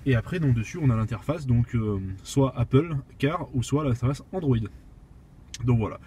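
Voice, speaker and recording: A young man with a mellow, dark voice talks through a car's cabin, heavy with fillers and restarts. He is recorded on a phone inside the car. Faint noise sits under his voice. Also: medium pitch, normal speed. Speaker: car reviewer. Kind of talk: casual car walkthrough. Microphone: phone camera.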